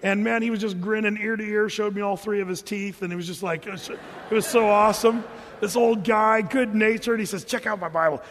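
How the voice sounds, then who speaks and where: Guy preaching a sermon, kinda high voice, chatty and animated, long echo in a big hall. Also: a little fast, a little hiss or hum. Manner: conversational and animated, with restarts and asides. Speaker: pastor.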